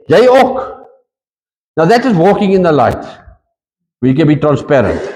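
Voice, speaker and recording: A man with a South African accent preaching a sermon as pastor, mixing English and Afrikaans in an animated, conversational way. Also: a little high, in a large hall, rough recording. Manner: switches between English and Afrikaans mid-sentence, animated. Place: church.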